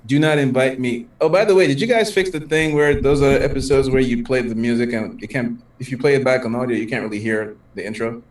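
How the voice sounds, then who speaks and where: A man co-hosts a casual podcast, chatty and teasing, and he laughs often as he talks. His voice is mid-pitched and sits well back from the mic. The room gives it a clear echo. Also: fast, few pauses, distant mic. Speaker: podcast co-host. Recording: echoey, away from the mic.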